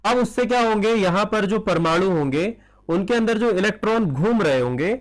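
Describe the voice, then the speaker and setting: A man with a Hindi accent gives a chemistry lesson in a high, ringing voice. He keeps putting questions to the class and answering them himself, and calls his students "child". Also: lively intonation, moderate pace. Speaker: chemistry teacher. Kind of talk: classroom lecture.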